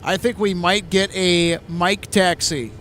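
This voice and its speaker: A man's voice: high-pitched, steady tone, slow, fairly bright tone. A man hosting a live stream outdoors, giving casual commentary on aircraft movements. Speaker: livestream host and plane spotter. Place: outdoors near an airport. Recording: outdoor airfield with faint vehicle noise.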